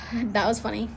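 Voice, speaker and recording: A woman's voice: a little high, gravelly. A young woman filming a reading vlog, reacting dramatically to a book with gasps and swearing, recorded on wireless earbuds. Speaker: book vlogger.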